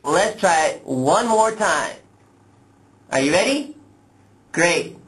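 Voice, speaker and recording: A man presenting a pronunciation lesson to learners, modeling speech slowly and with exaggerated, deliberate clarity. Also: high voice, expressive, a bit bright. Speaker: pronunciation teacher, lesson host. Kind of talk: instructional lesson to camera, addressing learners.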